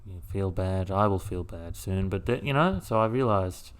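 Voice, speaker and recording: A man co-hosting a podcast, musing in a halting casual chat with many restarts. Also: low voice, smooth. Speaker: podcast co-host.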